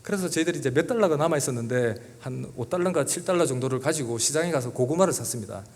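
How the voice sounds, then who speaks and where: A man's voice: mid-range voice, expressive, fast talker, a little mellow. A middle-aged man, a guest pastor, tells a personal story in a church sermon in an earnest, emotional way. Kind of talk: sermon testimony. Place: church sanctuary.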